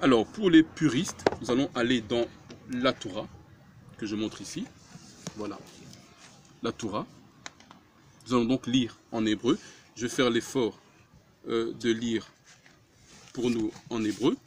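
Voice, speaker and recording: A man giving a Bible study talk, reading scripture aloud and explaining it in short, deliberate phrases. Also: mid-range voice, slight background noise. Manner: slow, deliberate, breaks phrases into short pieces; reads Hebrew words aloud louder, word by word. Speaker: religious teacher.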